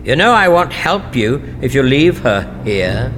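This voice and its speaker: Stubborn wry adventurer, theatrical, mid pitch with wide swings, long reverb, audio drama. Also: male voice, very animated, unhurried, a bit bright, soft background music. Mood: sardonic. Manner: theatrical, sardonic. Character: wry, eccentric, stubborn time-travelling adventurer.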